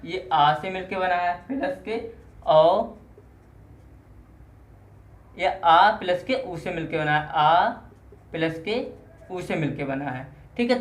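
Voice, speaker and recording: A teacher giving an exam-prep lesson, who asks a question and then answers it, repeating each key term. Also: mid-range voice. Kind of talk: Hindi lesson on Sanskrit phonetics. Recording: echoey room with faint noise.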